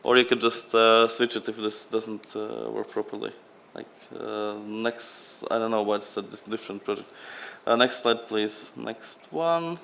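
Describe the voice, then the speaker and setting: Lower-voiced man. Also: fairly even intonation, a little slow, gravelly, few pauses, a bit bright, slight background noise. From Latvia. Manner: loose, unscripted delivery. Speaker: program representative at a conference. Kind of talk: conference presentation.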